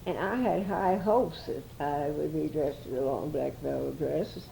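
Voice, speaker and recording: A woman's voice: sits low, a little slow, gravelly, mellow, a little hiss or hum, poor audio. An older woman reminiscing chattily as an interviewee, with frequent restarts.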